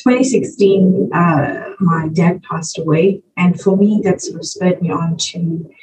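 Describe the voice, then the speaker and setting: Mellow South African woman, distant mic. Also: fairly low pitch, measured pace. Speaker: podcast guest, children's ministry worker. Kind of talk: conversational interview answers. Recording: muffled distant mic, faint noise.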